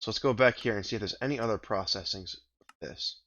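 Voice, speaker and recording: A man with a lowish, groggy morning voice talks through his gameplay, wandering from thought to thought as he plays. The recording is dull and lo-fi. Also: brisk, bright, forceful tone. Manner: rambling, thinking aloud while playing. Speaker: gaming video host. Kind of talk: casual let's-play commentary.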